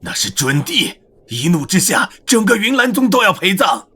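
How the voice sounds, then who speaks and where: A man voicing a harried sect master in an animated series, commanding to his own people and fawning to the stronger. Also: high-pitched, normal speed, slightly rough, heavily acted. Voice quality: commanding, then grovelling to the stronger.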